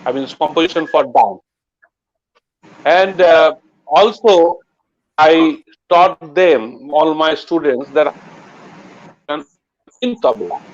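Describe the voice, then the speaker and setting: A tabla guru, a man, explaining in a slow, halting way and reciting drum syllables in rhythm. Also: fairly high pitch. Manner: slow, halting, mixes English and Bengali, recites bols rhythmically. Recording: slightly dull lo-fi audio.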